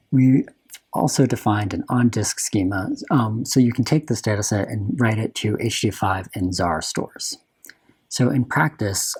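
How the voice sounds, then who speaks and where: Slightly husky man presenting a technical talk. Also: on the low side, darkish tone. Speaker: software developer presenting a conference talk.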